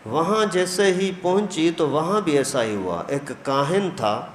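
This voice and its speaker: A male religious teacher giving a storytelling lesson in a mosque, acting out the dialogue. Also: fairly high pitch. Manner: animated storytelling, acts out dialogue. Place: mosque hall. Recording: echoey hall, faint noise.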